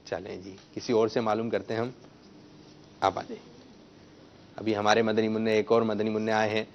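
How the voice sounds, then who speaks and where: A man's voice: fairly low pitch, level tone. A man hosting a children's quiz show, coaxing the kids and correcting their pronunciation. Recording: muffled lo-fi broadcast sound.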